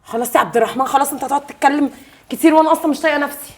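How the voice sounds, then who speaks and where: A woman's voice: high-pitched, racing, close to an everyday voice. A young woman with an Egyptian accent playing a cold, scheming daughter who throws her father out. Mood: anxious. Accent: Egyptian Arabic. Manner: harsh and dismissive. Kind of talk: web drama acting.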